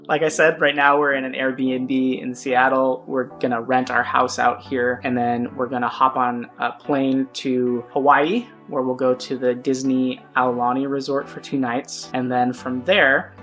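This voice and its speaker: A man in his thirties from the United States hosting a family vlog, explaining things in a relaxed way with light laughs. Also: medium pitch, measured pace, hardly any pauses, soft background music. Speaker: vlog host, father. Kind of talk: casual family vlog talk.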